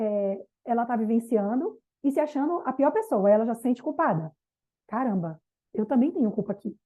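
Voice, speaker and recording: Middle-aged woman, women's mentor, breathy and a touch high, plain-spoken with mild slang, thin phone-quality sound. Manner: casual and direct, addressing listeners, with mild slang. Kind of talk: motivational talk to a group. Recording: tinny phone-like audio.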